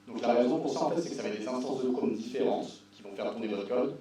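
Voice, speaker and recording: A mellow-voiced man gives a casual, wry technical talk. He sounds distant from the microphone, in a very echoey room. His delivery is informal, with dry asides. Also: mid-range voice, fast talker. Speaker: conference speaker. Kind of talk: informal technical presentation with slides. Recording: roomy echo, distant mic, faint hum.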